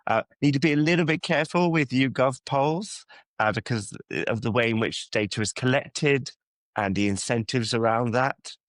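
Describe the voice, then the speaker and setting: Speaking at a normal speed in a mid-range, slightly bright voice, a London-area man answers a podcast interviewer's questions. He's a church youth ministry worker, thoughtful and hesitant, filling pauses with lots of ums. The recording is dry.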